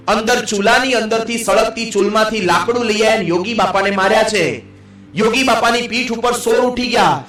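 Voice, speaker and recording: Male monk preacher, storytelling sermon, quick narration with short character voices, echoey hall. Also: fairly bright tone. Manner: quick narration, briefly voicing characters in lower tones. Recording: echoey hall, distant mic.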